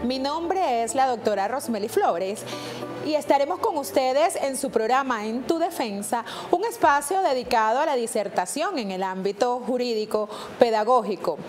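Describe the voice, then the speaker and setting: Over faint background music, a Venezuelan woman who is both lawyer and TV host fronts a legal show in a slightly high, animated voice. Her Venezuelan Spanish is polished and announcer-like, and she slows down whenever numbers come up.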